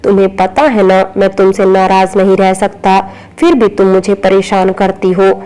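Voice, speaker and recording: A woman voicing a soft-spoken pleading young husband. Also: mid-range voice, little pitch movement, normal speed, lightly acted, low-quality recording. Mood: tender. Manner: soft, coaxing, apologetic.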